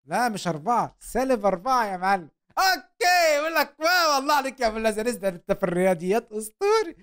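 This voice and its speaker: Excitable young man with an Egyptian accent. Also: very high-pitched, very fast, clean tone. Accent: Egyptian Arabic. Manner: excitable, joking, talks to viewers. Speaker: gaming channel host. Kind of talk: let's-play commentary.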